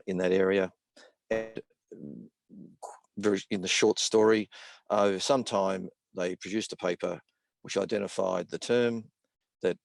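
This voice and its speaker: A man with an Australian accent speaking on a video call, slow and deliberate, pausing often with "uh" as he explains his work. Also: sits low, vocal fry, no echo. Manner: slow and deliberate, many "uh" pauses. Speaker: co-founder of a consulting firm, guest speaker. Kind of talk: measured presentation on video call.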